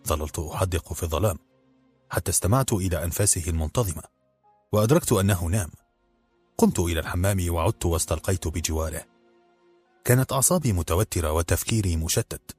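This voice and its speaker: A man narrating a novel in a steady, measured audiobook reading. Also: low voice, husky, faint music behind.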